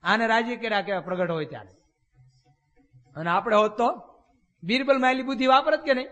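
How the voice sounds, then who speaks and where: A man, a swami preaching in a temple hall, and his voice sits very high for a man. He tells folksy tales and keeps asking his listeners rhetorical questions. The sound rings with a long hall reverb. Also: fairly bright tone. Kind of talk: storytelling sermon.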